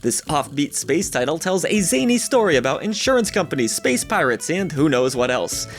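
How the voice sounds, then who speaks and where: Male host, upbeat and jokey, lively voice with lots of pitch movement, slightly high, music bed underneath. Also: moderate pace. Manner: upbeat and jokey, with playful asides. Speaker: gaming channel host. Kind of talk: scripted game-release roundup narration. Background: background music.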